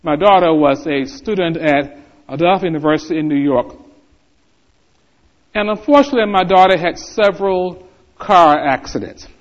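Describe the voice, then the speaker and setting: A man's voice: fairly high pitch, normal speed. A middle-aged man preaching a sermon as pastor, building to fervent emphasis. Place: church sanctuary. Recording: reverberant hall, dull lo-fi sound.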